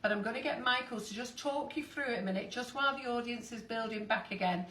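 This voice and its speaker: A woman in her fifties hosting a live-stream baking demonstration in a kitchen, chatty and quick to laugh. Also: on the high side, sharp tone. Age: 50s. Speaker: host. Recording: echoey room, distant mic, faint noise.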